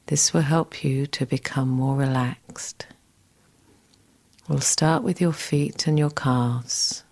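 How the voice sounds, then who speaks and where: A woman guiding a scripted relaxation exercise in a soft, soothing, breathy, near-whispered voice. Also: very deep voice. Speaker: relaxation guide.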